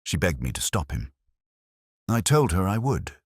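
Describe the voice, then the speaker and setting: A male narrator uses a very low, husky voice that rises and falls sharply to play a weary old magistrate from a detective story, weighed down by guilt. The exaggerated, very animated performance is a confession in halting, formal phrases, recorded dry in a clean studio.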